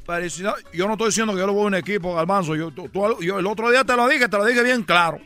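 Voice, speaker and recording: A man's voice: high voice, fast talker, pushed and bright, faint music behind. A man voicing a boastful male baseball player who talks with a put-on Caribbean Spanish accent and drops his R's, teasing and bragging in a radio comedy sketch. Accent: put-on Caribbean Spanish, dropping the R. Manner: brash, bragging, teasing, chuckling.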